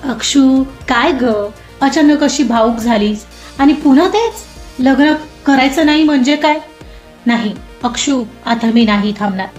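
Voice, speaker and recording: A woman voicing a gentle, caring middle-aged father in an audio story, speaking softly and fondly. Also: sits high, measured pace. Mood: concerned. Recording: roomy muffled recording, soft music.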